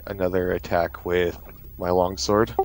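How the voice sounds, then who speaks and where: A man's voice: deep voice, level tone, unhurried, poor audio. A man playing in a tabletop game, talking in an easygoing, casual way. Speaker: player.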